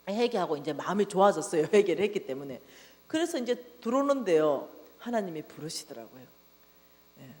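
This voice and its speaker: A woman preaching a revival testimony, her pitch swinging widely as she tells her story with animated energy. Her voice carries through a church hall with a long reverb tail and a faint mains hum underneath. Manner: animated storytelling, acting out her own past outbursts. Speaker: revival speaker. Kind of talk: sermon testimony.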